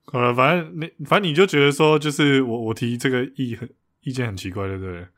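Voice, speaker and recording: A man's voice: medium pitch, fast, fairly bright tone. A man co-hosting a podcast, casually retelling an argument with frequent laughs and restarts. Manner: laughs often, retells a fight with many restarts. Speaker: podcast co-host. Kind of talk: casual chat.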